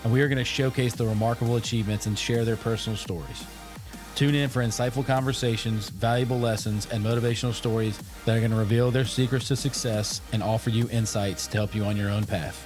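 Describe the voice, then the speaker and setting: A man's voice: mid-range voice, steady tone, fast talker. A man, a podcast co-host, reading a scripted show intro in a polished announcer delivery. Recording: voice-over with music behind.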